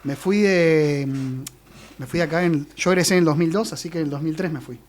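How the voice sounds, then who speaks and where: An Argentine man in his forties, a musician guest chatting casually with relaxed slang and fillers in a radio studio. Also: fairly high pitch, a little fast. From Argentine Patagonia. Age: 40s. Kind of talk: casual interview chat.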